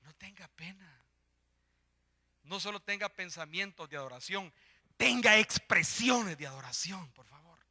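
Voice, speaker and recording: An older man preaching a sermon in a church, swinging from hushed pleading to impassioned shouting. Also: high-pitched, lively intonation, a little slow. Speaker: lay preacher.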